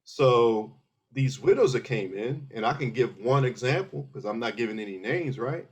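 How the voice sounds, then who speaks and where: Breathy-edged and expressive, the mid-range voice of a middle-aged army veteran from Philadelphia, USA, moves at normal speed through a casual interview. He is earnest, breaking his explanations into steps and restarting many times.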